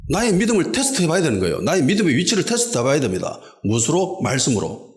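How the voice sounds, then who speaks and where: A man, preaching an expository sermon as pastor, emphatic and animated, repeating lines for stress. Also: on the high side, fast talker. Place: church in a basement hall.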